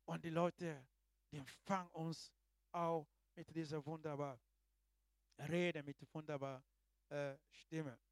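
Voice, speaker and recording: A man preaching a sermon in a halting way, swinging between hushed asides and loud exclamations. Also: fairly high pitch, level tone, clear, resonant tone, dry recording, clean studio sound.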